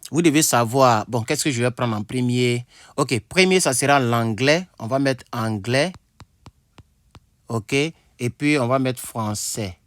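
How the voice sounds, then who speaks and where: A man teaching an English lesson at a board, slowly repeating himself and thinking aloud. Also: mid-range voice, a bit bright, no echo, studio quality. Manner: slow, repetitive, thinking aloud with asides.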